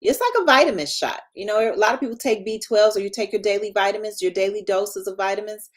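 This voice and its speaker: A woman in her fifties, a marriage and relationship coach, talking casually and in a lively way on a live stream. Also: medium pitch, quick pace. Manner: lively, chatty, self-deprecating asides.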